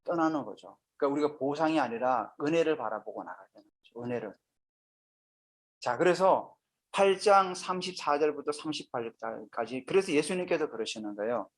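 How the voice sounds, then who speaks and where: A male pastor teaching a Bible study sermon in a lively, conversational way, often asking the congregation questions. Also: fairly high pitch, a little fast. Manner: lively, asks the audience many questions. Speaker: senior pastor.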